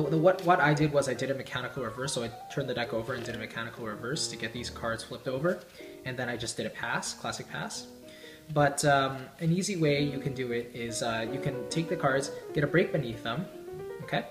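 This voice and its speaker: A man's voice: medium pitch, a little fast. A man giving informal card magician patter, teaching tricks step by step as he demonstrates them, talking to the viewer like a spectator. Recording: roomy echo, guitar music behind. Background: plucked guitar music.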